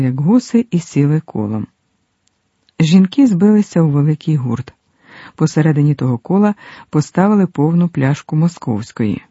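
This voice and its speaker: A man reads a story aloud in a steady, measured narration. His voice is slightly high but mellow in tone. The recording is dry, with a dull, lo-fi sound. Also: breathy edge, no room sound. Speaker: audiobook narrator. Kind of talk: scripted narration.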